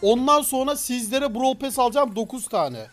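A man with a very high voice streams a game live, talking to his chat in quick, slangy bursts. He gets excitable and loud, breaks into shouts and laughs, and faint music plays behind him. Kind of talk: live gameplay commentary.

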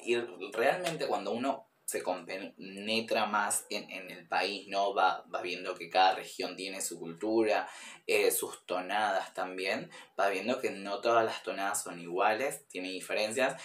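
A man with an Argentine Spanish accent hosts a YouTube reaction video, rambling casually with lots of fillers and talking straight to his viewers. His voice is lowish and slightly bright, and the room sounds echoey.

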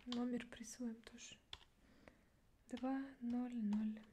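A young woman in a barely audible whispered role-play as a gruff, disdainful border guard, muttering sardonically. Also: fairly high pitch, level tone, slow pace, a little hiss or hum. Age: young adult. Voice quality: soft whisper, mostly unvoiced, barely audible. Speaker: ASMR performer playing a border officer. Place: small dark indoor studio setup.

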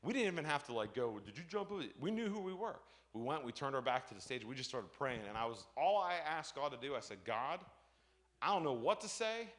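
Lively, bright-voiced male pastor. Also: medium pitch, fairly quick. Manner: animated storytelling, acts out voices, shouts and laughs. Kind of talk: lively sermon with personal stories.

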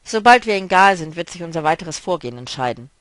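A man's voice: fairly high pitch, expressive, quick pace, fairly bright tone, no room sound. A man reading a novel aloud, voicing a stern, mocking woman who speaks firmly and decisively. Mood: determined.

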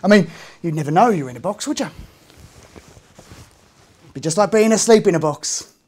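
A man's voice: high voice, lively intonation, moderate pace, darkish tone, breathy edge. An actor in his thirties playing a chatty, musing Cockney gangster in a dramatic monologue, wry and conversational. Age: 30s. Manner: conversational, musing, swinging between muttering and exclaiming.

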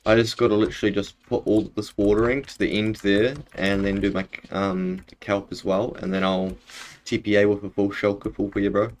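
A man's voice: lowish voice, flat delivery, fairly quick, slight background noise. A young man with a broad New Zealand accent chatting casually on a game stream in a laid-back, matey way, often saying bro. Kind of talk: casual live-stream chat while gaming. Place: bedroom, indoors.

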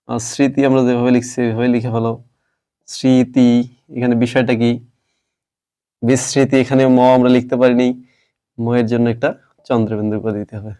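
A man teaching a pronunciation class, explaining step by step and quizzing his students with quick questions. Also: medium pitch, dark tone.

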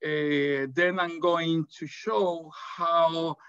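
Speaking very slowly in a fairly high, steady voice that is clean and a bit bright, a middle-aged man from El Salvador moderates and presents an academic webinar. He talks hesitantly with many fillers and restarts, calling in from an office on dull, dry video call audio.

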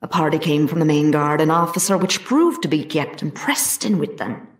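Her voice sits low and is animated, moving at normal speed, as she portrays a soldier's wife—devout and plain-spoken—testifying firmly and formally in a period courtroom drama. The mood is firm and earnest, the wording old-fashioned, and the distant mic picks up a roomy echo.

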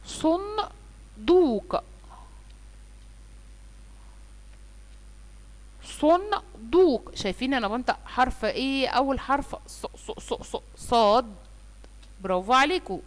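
A woman teacher with an Egyptian Arabic accent, slowly sounding out letters and words for young children and praising them often. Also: sits high, lively intonation, a bit bright, long reverb tail. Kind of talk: online phonics lesson for young children.

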